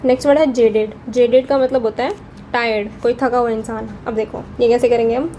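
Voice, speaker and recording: Chatty woman teaching vocabulary, slightly high. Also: steady tone, a little fast, mellow, a little hiss or hum. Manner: chatty, checks in with frequent "theek hai". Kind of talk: casual Hinglish lesson.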